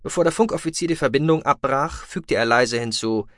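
A male narrator with a medium-pitched voice reads a science-fiction audiobook in a steady, measured way, following a script. The recording is dry and studio quality.

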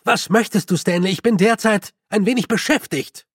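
A man's voice: high-pitched, moderate pace, breathy edge, no room sound, studio quality, pitched above the performer's own voice. Man doing a frantic, agitated young con man. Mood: rattled. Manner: agitated, breathless and pleading. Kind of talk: audiobook character voice.

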